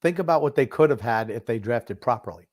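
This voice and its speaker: A man's voice: medium pitch, expressive, a little fast, a little mellow, no room sound, clean studio sound. A middle-aged or older man hosting a sports talk show, commenting casually and with firm opinions, reminiscing and repeating phrases for emphasis. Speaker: sports talk show host known as the grumpy old man.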